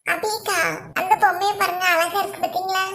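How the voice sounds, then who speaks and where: A cheeky little cartoon girl, voiced by a woman. She has a very high, bright, squeaky voice and a whiny, complaining way of talking. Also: steady tone, brisk.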